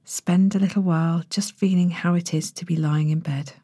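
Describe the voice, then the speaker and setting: A woman narrating a sleep story as a guided relaxation, in a gentle, hushed and breathy manner with long pauses. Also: on the low side, fairly even intonation, no echo. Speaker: podcast host, sleep meditation narrator.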